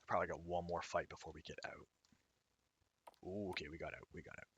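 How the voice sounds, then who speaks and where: A man with a hoarse, raw throat, casually explaining his own game while he plays it. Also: low voice, fairly even intonation, fast, fairly bright tone, no room sound, dull audio. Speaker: indie game developer. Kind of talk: let's-play commentary.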